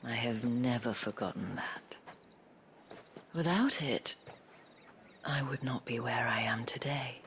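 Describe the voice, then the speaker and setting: A poised, calculating madam for a video game. She speaks in a low, unhurried voice, breathy and seductive, sliding toward a whisper. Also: fairly bright tone, slight background noise, full character voice. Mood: measured, confiding. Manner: slow, deliberate, breathy delivery dropping to near whisper. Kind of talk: scripted video game acting.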